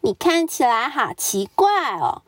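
A woman voicing a fussy lady duck who speaks quickly. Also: high-pitched, sing-song, no echo, studio quality, full character voice.

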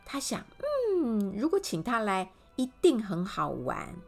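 A woman reading a children's storybook aloud, animated and speaking directly to the little listeners. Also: mid-range voice, measured pace, soft background music.

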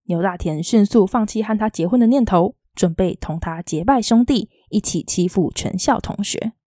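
A woman reading a novel aloud in a soft, quietly lilting storytelling voice. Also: mid-range voice, moderate pace, no echo, studio quality. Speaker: audiobook reader.

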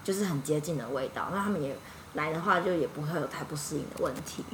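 A woman from Yilan with a Taiwanese Mandarin accent, a podcast guest telling stories in an animated, chatty way full of fillers and restarts. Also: low voice, quick pace, slight background noise, poor audio. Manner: animated, chatty, frequent fillers and self-corrections. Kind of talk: casual storytelling chat.

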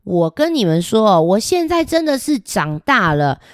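A boastful, giggly little boy heading off to kindergarten, voiced by a woman reading a picture book aloud. He chats playfully and directly with the children listening. The voice sits at a middle pitch, and the sound is close and dry. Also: sing-song, a little slow, no echo. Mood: cheerful, boastful. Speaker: storybook reader.

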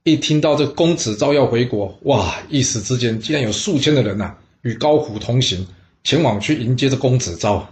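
A man telling a historical tale in an animated, chatty way, with asides to listeners. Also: medium pitch, normal speed. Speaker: storyteller. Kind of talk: lively historical storytelling. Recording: roomy echo.

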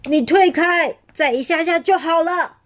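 Storybook: woman voicing a tired male tyrannosaurus, slow, halting, a little louder. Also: a little high, animated. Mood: straining. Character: big gruff male tyrannosaurus, softened.

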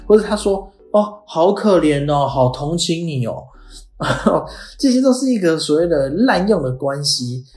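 A podcast host talks through an idea like a relaxed lesson, pausing on "哦" and slipping into short acted examples. The voice sits at a middling pitch. It is heard in a roomy, echoing space with faint music underneath. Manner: explains step by step, frequent "哦" fillers, acts out quoted lines. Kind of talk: explanatory podcast lecture.

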